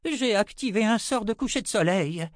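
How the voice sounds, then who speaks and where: A man doing a shrill, cranky old wizard. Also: expressive, normal speed, no room sound, clean studio sound. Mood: exasperated. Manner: shouting, high-pitched, exasperated. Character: cranky old male wizard, loud and fussy.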